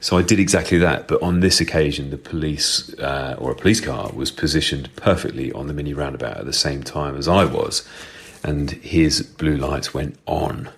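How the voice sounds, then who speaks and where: A middle-aged man speaking through a voice changer that makes him sound very deep, telling a rambling story in a recorded voice message as a listener. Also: moderate pace, few pauses, husky. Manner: chatty, rambling storyteller with filler ums. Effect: voice changer pitching the voice very deep.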